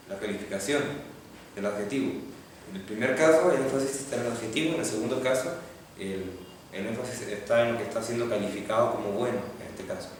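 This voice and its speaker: Man teaching in an echoey classroom. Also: mid-range voice. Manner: patient, explains step by step with repeated questions to students. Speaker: Hebrew teacher. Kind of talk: classroom lecture. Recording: echoey classroom from far off, faint noise.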